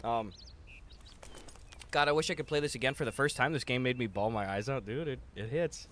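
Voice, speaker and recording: Talking fairly quickly at medium pitch with a fairly bright tone, this young adult livestream host reads out viewer messages during a casual gaming stream in an indoor room. He sounds slightly tired and worn-down, jokes and swears in slang, and leans on "dude" and "bro", with some faint hiss or hum in the audio.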